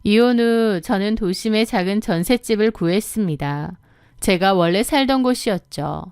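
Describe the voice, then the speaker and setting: A woman narrating a first-person story as an audiobook, in a calm, even storytelling manner. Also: medium pitch, normal speed, clean tone, no room sound, studio quality.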